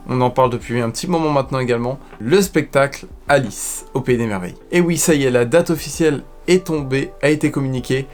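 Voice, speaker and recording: A man in a relaxed vlog, rattling through a roundup of announcements with open enthusiasm. He stacks admiring words one after another and slips into casual slang between the more measured bits. His pitch sits at an ordinary male middle. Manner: enthusiastic, piles up admiring adjectives; informal slangy asides. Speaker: theme park news vlogger. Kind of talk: casual news roundup commentary.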